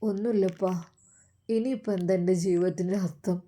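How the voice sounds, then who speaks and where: A woman voicing a despairing young woman who is crying and speaks quietly, without hope. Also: mid-range voice, fairly even intonation, brisk, lightly acted. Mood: tearful, hopeless. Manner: quiet, sobbing, hopeless.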